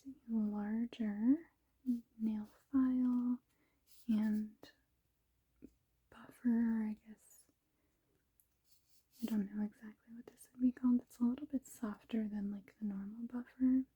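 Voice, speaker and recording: A woman whispering softly in an unhurried ASMR ramble, with a breathy, husky voice and short, gently paused phrases. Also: fairly high pitch, level tone, phone-quality sound. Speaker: ASMR video host.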